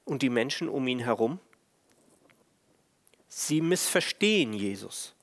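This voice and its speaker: Male preacher, slow solemn sermon delivery, even middle voice. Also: medium pitch. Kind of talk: sermon on the stations of the cross.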